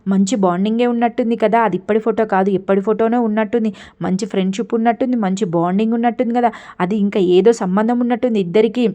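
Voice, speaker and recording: Woman doing a spiteful sneering girl, taunting, louder. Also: on the high side, steady tone, fast, highs cut off, natural voice. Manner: mocking, taunting.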